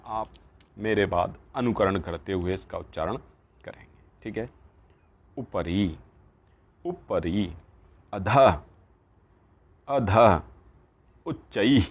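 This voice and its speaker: Slow-speaking male Sanskrit teacher. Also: lowish voice. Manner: slow, reads Sanskrit lines then explains in Hindi. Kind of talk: textbook lesson explanation.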